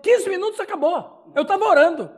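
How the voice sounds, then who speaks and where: A man's voice: very high voice, brisk. A man with a Brazilian Portuguese accent, a pastor giving a Bible study sermon, telling stories and acting out the dialogue with laughs. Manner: animated storyteller who acts out dialogue and laughs often.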